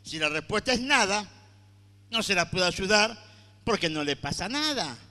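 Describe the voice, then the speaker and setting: A male pastor preaching a sermon to his congregation, moving between loud dramatic lines and hushed ones. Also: high-pitched, animated, moderate pace. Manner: addresses the congregation directly. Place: church hall with congregation. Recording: long hall reverb.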